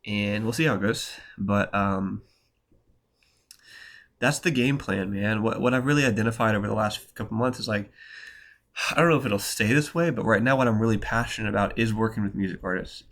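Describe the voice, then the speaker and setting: Gravelly-voiced man with a stuffy nose. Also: fairly low pitch, a little fast, a bit bright. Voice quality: nasal from a cold. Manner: loose, rambling, slangy talk with many fillers. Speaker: photographer vlogger. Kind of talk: casual rambling vlog.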